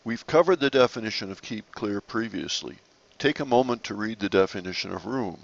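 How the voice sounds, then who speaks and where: A man narrating a slide-based lesson on sailing rules in a measured, explanatory way. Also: fairly low pitch, animated, vocal fry, lo-fi sound. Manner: measured, explanatory, occasional restarts.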